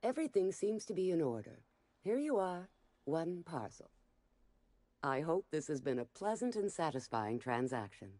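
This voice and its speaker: A woman's voice: low voice, sing-song, moderate pace, dark tone, no room sound. An actress voicing a formal female parcel counter clerk reciting customer service lines.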